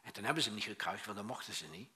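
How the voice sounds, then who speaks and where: A male preacher delivers a lively sermon, full of asides and restarts. His voice is bright and forceful. He swings between loud bursts and quiet, dropped phrases. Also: on the low side, very fast. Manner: animated storytelling with many restarts and asides; acts out quoted voices, swings loud and soft.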